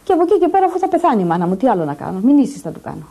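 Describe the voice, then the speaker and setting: A woman's voice: sits high, big pitch swings, dark tone. A distressed middle-aged woman giving agitated, insistent testimony in a news interview, repeating her points. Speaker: interviewee, patient's daughter.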